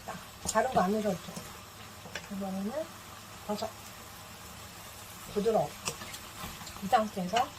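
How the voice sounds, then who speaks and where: A woman casually talking through her home cooking as she works, with an easygoing, explaining manner. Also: medium pitch. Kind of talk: casual cooking narration while cooking. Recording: noisy kitchen with chopping and clicks.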